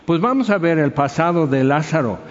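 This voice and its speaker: A man's voice: on the high side, expressive, moderate pace. A man preaching a sermon, telling stories in a conversational way and asking the congregation questions. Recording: dull sound with long hall reverb.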